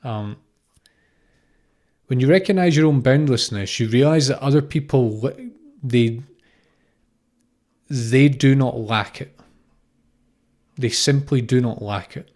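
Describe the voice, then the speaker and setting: This is a spiritual teacher and podcast host from Scotland, a man in his thirties, talking slowly with frequent pauses in a mid-range, somewhat mellow voice. Speaking off the cuff and informally, he reflects aloud, circling back to repeated phrases and raising questions.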